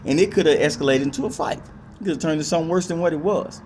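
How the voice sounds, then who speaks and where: A man's voice: a little high, rapid-fire, a little mellow, slight background noise. A man in a casual advice monologue, rambling and repeating himself with lots of fillers. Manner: rambling, repetitive, with many fillers and acted-out quotes. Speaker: vlogger.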